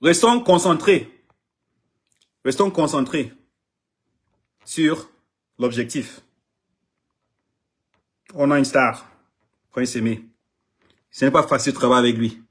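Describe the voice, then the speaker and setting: A middle-aged artist manager from Cameroon, English-speaking by birth, makes a passionate public address in French, emphatic, repetitive and prone to stumbling. He talks slowly with long pauses, in a husky, medium-pitched voice.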